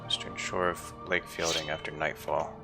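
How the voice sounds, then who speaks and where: A man with a deep, gravelly voice talks through his video game playthrough in a casual, offhand way. He makes dry, wry remarks as he plays, and game music plays clearly behind him. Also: flat delivery, normal speed. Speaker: let's play gamer. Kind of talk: casual gameplay commentary.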